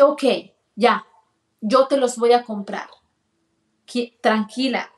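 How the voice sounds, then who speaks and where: A woman, earnestly telling a personal testimony and acting out the dialogue. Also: sits high. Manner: earnest, acts out quoted dialogue. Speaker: guest sharing a testimony. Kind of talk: personal storytelling.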